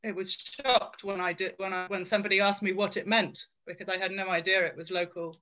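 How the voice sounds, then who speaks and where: Bright-voiced man chairing a panel. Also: sits high, level tone, brisk. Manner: reads questions aloud, informal and self-deprecating. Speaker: chair reading out audience questions. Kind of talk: moderating a panel. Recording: dull lo-fi sound.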